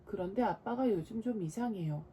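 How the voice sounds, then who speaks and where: A woman in her forties, a mother, reading a storybook aloud to her children at bedtime with lively expression. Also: mid-range voice, brisk, slight background noise. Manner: expressive, lively character voices. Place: home at bedtime.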